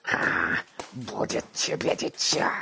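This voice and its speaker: A male narrator voicing a vicious old murderess who hisses and gasps slow threats. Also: sharp tone. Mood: hissing, menacing. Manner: hissing, slow, menacing.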